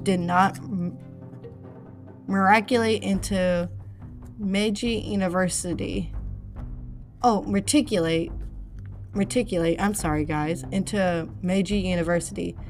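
A woman reading a true-crime script with casual asides, stumbling often, apologizing and using many fillers, with the hiccups. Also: mid-range voice.

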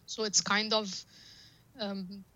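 A data science professional whose first language is Arabic appears as an interview guest, earnestly explaining her work and often using analogies. Her medium-pitched voice is flat, slow, and sharp, with no echo.

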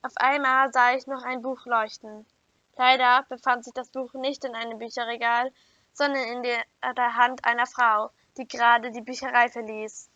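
A woman reading a first-person children's story aloud in an even, clear storytelling manner. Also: on the high side, moderate pace, dry recording. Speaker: story reader. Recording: dull lo-fi dry recording.

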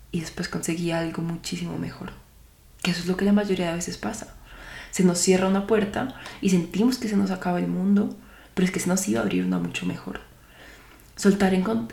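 A woman's voice: medium pitch, gravelly, darkish tone, reverberant. A young woman hosting a podcast, talking earnestly to her listeners and asking them rhetorical questions. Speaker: podcast host. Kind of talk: reflective podcast monologue.

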